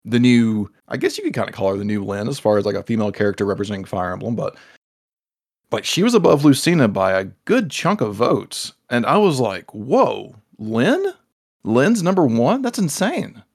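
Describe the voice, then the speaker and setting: A man co-hosting a casual video game podcast, talking animatedly and jumping into high excited voices when he quotes himself. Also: brisk. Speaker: podcast co-host. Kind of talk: casual podcast chat about video games.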